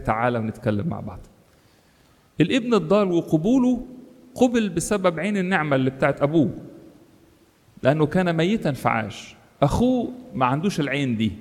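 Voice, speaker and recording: A male preacher with an Egyptian Arabic accent delivers a sermon in a lively, expressive way. His voice sits at a middle pitch for a man and climbs high whenever he quotes someone or presses a point. A long reverb trails his words through the hall. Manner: animated, rises in pitch for quoted voices and emphasis.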